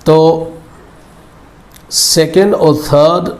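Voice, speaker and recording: In a slow recorded vocabulary lesson, a man teaches English verb forms in formal, Urdu-flavoured Hindi, repeating each word several times. His voice is a little high, with a steady tone and a very slow pace.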